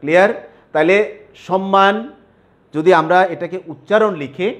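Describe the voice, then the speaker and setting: A man teaching pronunciation rules to students in a lecture, repeating example words slowly and often checking if they follow. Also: sits high, a bit bright.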